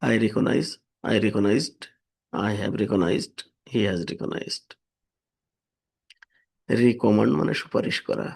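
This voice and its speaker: Gravelly, husky man drilling English verbs. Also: fairly low pitch, very slow, long pauses. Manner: steady listing drill, English verb forms then Bengali meanings. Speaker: English vocabulary teacher. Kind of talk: vocabulary lesson, reading word lists with translations.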